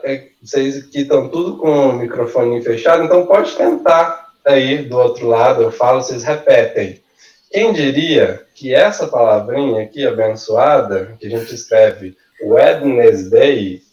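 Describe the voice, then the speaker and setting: A man teaching an online workshop, saying words slowly and clearly for students to repeat. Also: mid-range voice, a little mellow, roomy sound, far from the mic, dull audio. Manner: slow, careful model pronunciations for students to repeat. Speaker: language teacher. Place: video call.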